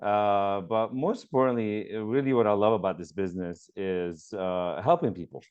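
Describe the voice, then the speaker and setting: Over a remote call with phone-quality sound, a Lebanese mortgage broker answers interview questions earnestly, dotting his replies with plenty of ums and uhs. His voice is fairly low and clean, at a moderate pace, in a conversational interview.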